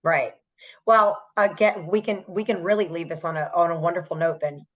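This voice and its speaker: A woman's voice: on the low side, steady tone, muffled recording. A woman co-hosting a podcast, chatty and agreeable. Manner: agreeable, chatty, quick to laugh. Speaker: podcast co-host. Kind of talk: casual chat.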